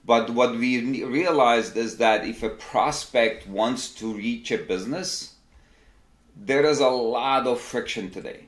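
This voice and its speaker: A man in his fifties from Turkey, a company CEO, answering interview questions in a measured, explanatory way. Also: medium pitch. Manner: measured, explanatory, lists examples. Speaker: tech company CEO, guest. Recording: echoey room.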